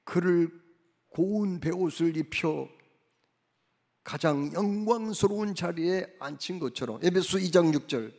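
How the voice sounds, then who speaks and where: Man preaching a sermon, emphatic, rhetorical questions, high-pitched, reverberant sanctuary. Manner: emphatic, rhetorical questions, dramatic swings in loudness. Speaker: pastor. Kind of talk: Sunday sermon. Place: church sanctuary. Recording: reverberant church hall.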